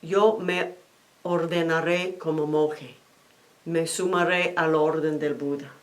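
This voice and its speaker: A woman voicing an earnest young male cowherd who speaks haltingly in a storytelling. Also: low-pitched, steady tone, voice pushed down.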